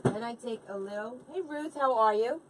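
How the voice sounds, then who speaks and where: Her pitch sits on the high side and she talks at a normal speed, sounding far from the microphone. She's in her late forties, hosting a crafting livestream and trading easygoing, informal banter with her viewers and a helper.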